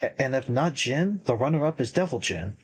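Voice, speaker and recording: A man on a gaming podcast panel in casual chat, giving blunt, quick reactions. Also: medium pitch, lively intonation, husky, low-quality recording.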